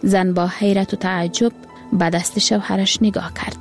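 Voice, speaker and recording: A woman narrating a story in a calm, measured way. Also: medium pitch, soft background music.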